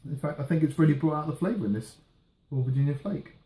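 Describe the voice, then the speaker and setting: A man chatting casually through a tobacco review, musing and hesitant, pausing and trailing off between puffs on his pipe. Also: a little high, dark tone. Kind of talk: casual video review chat. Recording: roomy, echoey sound.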